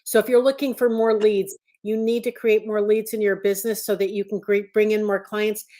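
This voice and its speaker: A woman hosts a podcast interview, chatty and encouraging as she draws out her guest. Her voice sits at an ordinary middle pitch for a woman. She is speaking over a video call. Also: little pitch movement, fairly quick, dark tone. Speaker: podcast host. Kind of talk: conversational interview hosting.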